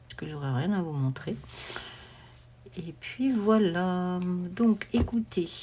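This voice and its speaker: A woman's voice: fairly low pitch, warm tone, a little hiss or hum. A woman vlogger chatting casually to camera at home, rambling and meandering with many fillers and restarts. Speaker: coloring vlogger.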